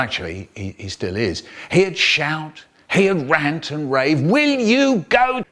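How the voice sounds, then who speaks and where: A man's voice: mid-range voice, a bit bright, husky. A man telling comic childhood stories in a playful way, with sound effects. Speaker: comedian. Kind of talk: comic storytelling.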